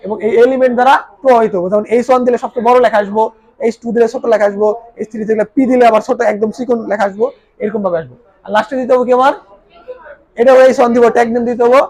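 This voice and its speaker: A man's voice: very high voice, a little mellow. A male teacher, giving a recorded class lecture and answering his own questions. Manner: quizzing questions he answers himself.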